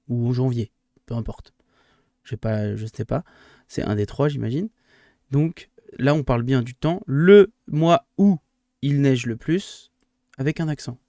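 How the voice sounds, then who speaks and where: A man's voice: mid-range voice, dark tone, no echo, clean studio sound. A male primary school teacher recording a remote lesson for his pupils, hesitant with many fillers and restarts, livelier when he explains a rule.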